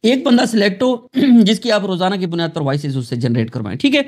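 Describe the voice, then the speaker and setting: A man from Pakistan hosting a screen-recorded software tutorial, talking chattily to his viewers. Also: high voice, expressive. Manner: chatty, addresses viewers as "janab" and "dosto". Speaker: tutorial host.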